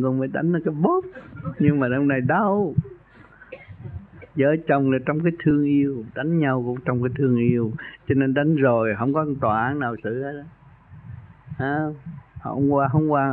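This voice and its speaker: A man's voice: medium pitch, a little hiss or hum. A man who is a spiritual teacher, advising a caller on meditation practice during a radio call-in. He speaks in a folksy, earnest way and raises his voice for emphasis. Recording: narrow phone-like radio sound.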